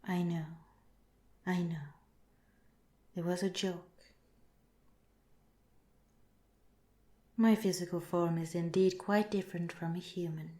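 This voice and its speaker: Voicing a composed, clinical alien researcher who reassures a captive human, a woman delivers an ASMR-style roleplay with light acting and a curious mood. Her voice is lowish and very mellow, soft, measured, and politely distant, heard in a noticeably echoing, roomy space.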